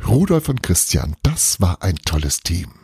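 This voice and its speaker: A man's voice: sits low, big pitch swings, unhurried, a little mellow, slightly rough, dry recording, studio quality, exaggerated voice. A man voicing a theatrical Christmas witch mother with an Italian flair, dramatic and playful. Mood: dreamy.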